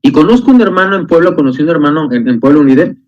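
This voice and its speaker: A man preaching a sermon to his congregation in an animated way, often restarting and repeating words. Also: fairly high pitch, rapid-fire. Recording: muffled lo-fi recording.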